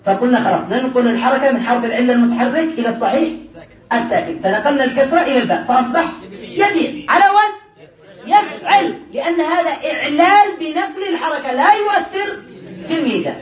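A man's voice: very high voice, expressive, fast talker. A male teacher giving a classroom grammar lesson, explaining step by step and often laughing as he checks whether students follow. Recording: echoey room, mic far away.

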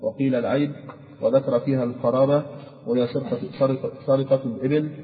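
A man reading classical commentary aloud in class, with a quick, even recitation. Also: medium pitch. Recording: echoey hall on a tinny old tape.

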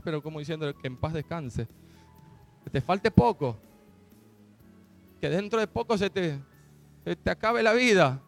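A man preaching a fervent sermon as a pastor, his delivery building to shouted declarations. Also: sits high.

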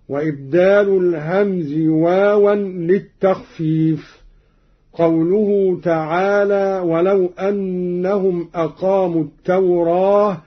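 A man teaching the variants of Quran recitation in a measured way, chanting the quoted verses slowly between his explanations, heard on a dull archival radio recording. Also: high-pitched.

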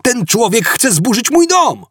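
A man reading an audiobook puts on a flustered young Englishman who is fed up and sarcastic. His voice jumps high and swings wildly, and he sounds close to the mic. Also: big pitch swings, a little slow, a bit bright, husky, no room sound, heavily acted. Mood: indignant. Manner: sarcastic, exasperated, shrill outbursts. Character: flustered indignant young Englishman stuck in mud. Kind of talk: audiobook character voice.

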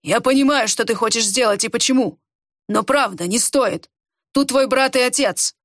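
Woman voicing a calm, sympathetic male tracker. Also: fairly high pitch, moderate pace, dry recording, studio quality. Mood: soothing.

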